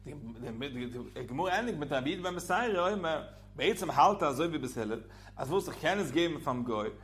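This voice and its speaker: High-voiced man teaching religious law. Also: animated, a little fast.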